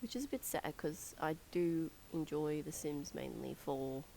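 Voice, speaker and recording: A woman's voice sits a little low and sounds hoarse and croaky from being ill. She rambles casually as she comments over her gameplay, pausing on fillers and breaking into soft laughs. A faint hiss runs underneath. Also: animated, rough recording. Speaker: gaming channel host.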